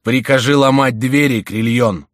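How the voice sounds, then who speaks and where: A man voicing a bored king who speaks calmly and imperiously. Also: medium pitch, measured pace, no echo, studio quality, pitched above the performer's own voice, natural voice. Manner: calm, imperious, languid.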